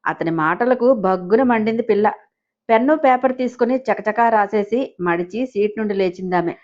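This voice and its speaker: A woman narrating an audiobook story with a lively, expressive reading. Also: medium pitch, moderate pace, lo-fi sound.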